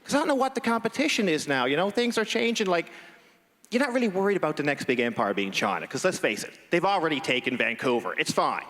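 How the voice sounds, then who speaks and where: A man doing a stand-up comedy set on a festival stage, animated, swinging between shouting and mock apology. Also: a little high, fast, big-room sound. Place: comedy festival stage before a live audience. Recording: live show with loud crowd and noise.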